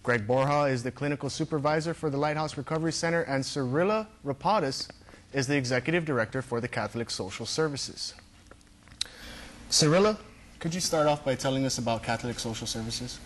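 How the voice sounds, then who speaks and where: A man's voice: mid-range voice, fairly quick, slight background noise. A man hosting a TV news interview, reading formal introductions. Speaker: TV news host. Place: TV studio.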